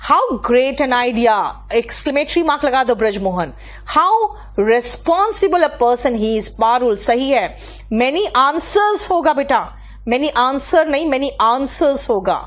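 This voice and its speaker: A woman with an Indian accent teaching an English class online, reading students' sentences slowly and correcting them patiently, with fast asides in between. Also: fairly high pitch. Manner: slow, drawn-out reading of English sentences, quick in Hindi asides.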